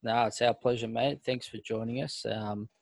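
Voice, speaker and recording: A man's voice: medium pitch, steady tone, normal speed, gravelly, no echo. An Australian man hosting a casual club podcast, laid-back and calling people mate. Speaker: podcast host.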